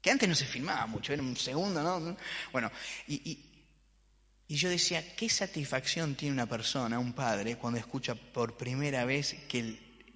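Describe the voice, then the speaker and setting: A man's voice: medium pitch, moderate pace. A man with a Rioplatense accent preaching a sermon as pastor, asking the congregation questions and joking with them. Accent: Rioplatense Spanish. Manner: lively preacher, rhetorical questions to the congregation, playful humor. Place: church hall. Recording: church hall with long reverb.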